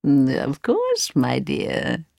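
A woman voicing a wicked male wizard in a storybook reading, speaking slowly and slyly. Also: very deep voice, wildly swooping pitch, vocal fry, dark tone, no echo, clean studio sound, voice pushed down, heavily acted.

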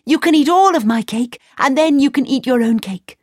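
A woman voicing a young princess in a storybook reading, with a high, emphatic voice. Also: expressive, moderate pace, a little mellow, no room sound, clean studio sound. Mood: eager. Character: young princess, bright and eager.

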